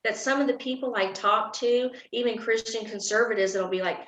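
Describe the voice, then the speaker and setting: In a dull, echoey lo-fi recording, a woman running for office talks casually and at length in an interview, laughing often and noting that her voice is loud. She speaks fairly quickly in a voice on the high side.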